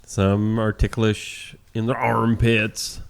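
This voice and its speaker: A man's voice: lowish voice, completely flat delivery, takes it slowly, gravelly. A man co-hosting a morning show, reacting to stories with short remarks. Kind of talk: casual radio chat.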